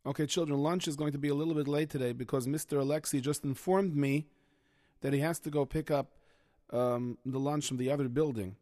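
A man's voice: fairly high pitch, fairly even intonation, fairly quick, dark tone, dry recording, studio quality, natural voice. A man playing a teacher who speaks patiently to a class of children. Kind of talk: children's comedy sketch.

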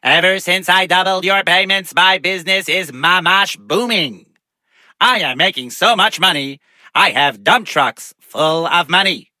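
Boastful wealthy tycoon, high voice, slow grand delivery, very bright tone, Hebrew words sprinkled in, storybook. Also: male voice, dry recording, exaggerated voice. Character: pompous rich male businessman, boastful and grand. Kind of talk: children's storytelling.

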